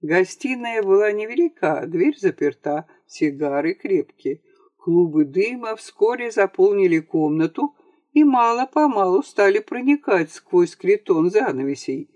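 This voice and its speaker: An audiobook reader telling a comic story with a wry, theatrical touch. The pitch rises and falls a lot, and the dry home-studio voice-over has almost no echo. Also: expressive, unhurried, a little mellow, dull audio. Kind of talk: scripted narration of a comic story.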